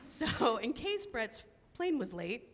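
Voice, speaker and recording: Taking her time in a slightly high, sing-song voice, a congregation leader welcomes guests and thanks the helpers before a worship service. She's upbeat and conversational with lots of laughter, recorded in a synagogue sanctuary with long hall reverb.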